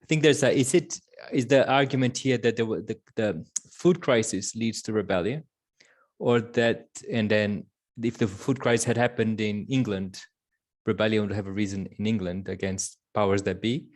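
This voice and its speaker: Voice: mid-range voice, steady tone, normal speed. A webinar participant asking a question, rephrasing and hesitating as the question comes out. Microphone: video call.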